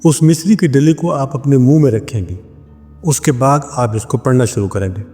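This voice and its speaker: Mellow-voiced man dictating slowly in a reverberant room. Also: medium pitch. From Pakistan. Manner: slow, deliberate dictation, repeating each word several times. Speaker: spiritual practitioner teaching a ritual. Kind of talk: instructional talk. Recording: long reverb with faint background music.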